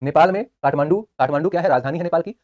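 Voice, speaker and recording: A man's voice: fairly high pitch, very fast, darkish tone, highs cut off. Chatty joking man teaching live class. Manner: chatty, joking asides between facts; repeats key answers for students.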